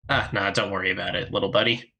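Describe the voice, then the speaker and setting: A man's voice: sits low, steady tone, quick pace, creaky, sharp tone. A man playing a tabletop role-playing game, talking casually and speaking for his character.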